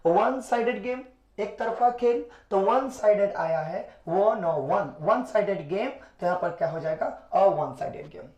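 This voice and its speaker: Woman, teacher, mellow voice, repeats words slowly, echoey room. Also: medium pitch, lively intonation, lo-fi sound. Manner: repeats words slowly, asks "समझ गए?" often. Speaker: English teacher. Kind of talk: classroom-style grammar lesson.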